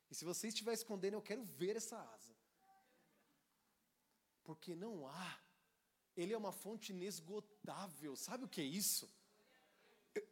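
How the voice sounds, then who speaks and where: Evangelist guy preaching, high voice, goes quiet then loud, really emphatic. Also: slightly rough. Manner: emphatic, swings from hushed to shouting; acts out quoted voices. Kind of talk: sermon to a congregation.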